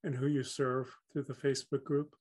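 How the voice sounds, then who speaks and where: A man's voice: mid-range voice, flat delivery, normal speed, a little mellow, breathy edge. A man hosting an interview, asking brief, plain questions.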